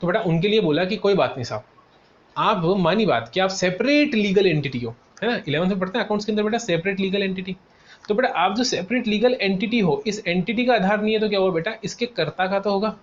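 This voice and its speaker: High-voiced Indian man lecturing students. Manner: calls students "beta", answers his own questions in a student's voice, repeats key terms. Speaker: CA exam tutor. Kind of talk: classroom lecture. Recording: dull lo-fi sound with faint noise.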